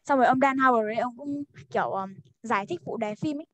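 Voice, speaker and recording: A woman's voice: fairly high pitch, fast talker, fairly bright tone. A young woman, eagerly explaining in a casual study group chat, rambling with many fillers.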